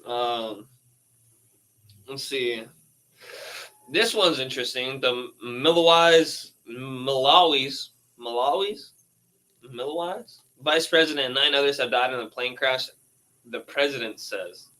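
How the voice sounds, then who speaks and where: A man's voice: mid-range voice, measured pace, pauses often, bright, forceful tone, rough recording. A casual man reading out news posts and riffing on them, with laughing asides and swearing. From United States. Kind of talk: casual rambling commentary.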